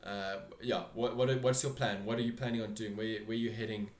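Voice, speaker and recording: A man narrating a tabletop game as game master, halting and repeating phrases as he searches for words. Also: lowish voice, level tone. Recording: roomy, echoing home recording.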